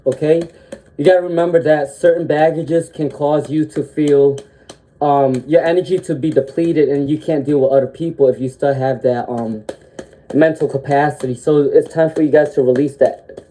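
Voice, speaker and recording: The recording is rough. In a mid-range voice, a tarot reader with a cold does a live-stream reading, sniffling, dropping frequent "um"s and ending sentences with a checking "okay?" in a gentle, reassuring way.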